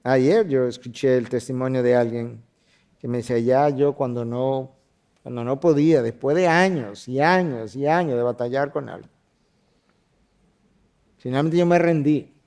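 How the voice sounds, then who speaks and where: A man, a pastor teaching a Bible class, who swings from loud, lifted declarations to hushed lines and acts out the people in the passages he reads. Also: mid-range voice, normal speed, pauses often, clean tone. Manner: expository preaching with dramatic swings from loud to hushed; voices the Bible characters he quotes.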